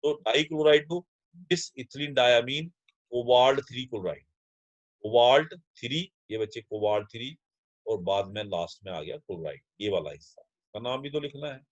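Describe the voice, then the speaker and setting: A man's voice: mid-range voice, slow pace, no room sound, lo-fi sound. A man teaching a chemistry class in a lecture style, explaining each step and asking his students questions that he then answers himself. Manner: addresses students as children. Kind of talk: classroom lecture mixing Hindi and English.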